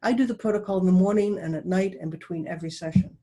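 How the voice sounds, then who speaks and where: A middle-aged woman giving an online talk as a dowsing presenter, speaking quickly and earnestly with restarts and asides. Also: on the low side, dark tone. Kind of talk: online talk over a video call. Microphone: video call.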